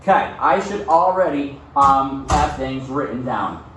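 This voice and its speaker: With a medium-pitched, expressive and slightly bright voice, a man teaches his class unhurriedly, mixing read-aloud with frequent short questions to check in. Expect an echoey room, distant mic and faint noise.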